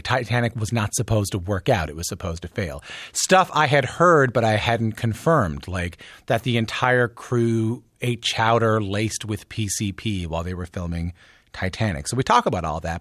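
Man, radio host, chatty and informal, mid-pitched, very dry close sound. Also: a bit bright, no echo. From Newfoundland, Canada. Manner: informal, chatty, conversational asides. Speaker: radio show host and interviewer. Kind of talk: conversational radio introduction and interview.

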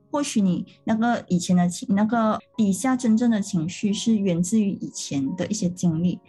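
In a casual podcast chat, a female co-host earnestly explains her ideas step by step. She speaks at medium pitch with a mellow, slightly rough voice.

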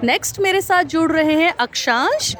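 A woman's voice: very high-pitched, lively intonation, moderate pace, a bit bright. A woman hosting street interviews at a city tea stall outdoors, effusive and encouraging with the people she meets. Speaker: host.

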